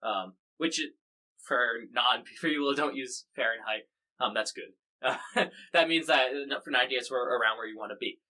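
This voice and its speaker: A man's voice: medium pitch, moderate pace, pushed and bright, poor audio. An American man hosting a podcast, covering the news in casual, wry chat full of fillers and restarts. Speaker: podcast host.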